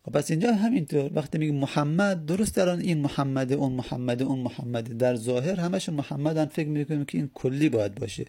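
Gravelly-voiced man teaching grammar. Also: fairly high pitch, few pauses, dark tone. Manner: patient, explanatory, asks and answers his own questions. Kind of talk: classroom lesson explaining grammar.

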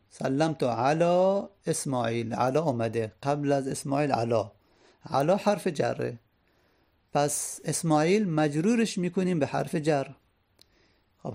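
A man's voice: on the high side, creaky, a little mellow. A man teaching Arabic grammar, patiently repeating each point and example.

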